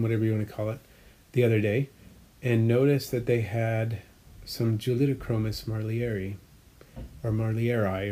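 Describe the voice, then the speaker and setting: In a mellow, medium-pitched voice, a man who vlogs about his aquarium hobby talks casually about his fish tanks. His explanations ramble, he often corrects himself, fillers pop up frequently, and he dwells on hobby details.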